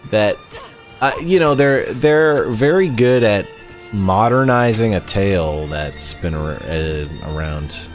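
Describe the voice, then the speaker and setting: A man with a low voice streams a video game, musing aloud in a slow, halting way. Faint music sits behind his casual commentary. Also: animated.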